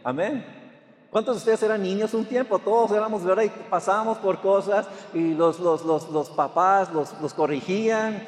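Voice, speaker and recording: A man's voice: high-pitched, normal speed. Older pastor guy preaching, lots of amens, voice bouncing around a big hall. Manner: storytelling with frequent amens and repeated words. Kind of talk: sermon. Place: church.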